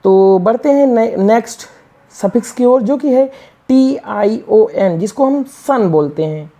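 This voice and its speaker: A woman with a somewhat high, warm, mellow voice teaches English reading. She spells each word letter by letter and asks questions that she answers herself. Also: expressive, a little slow. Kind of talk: classroom-style reading lesson.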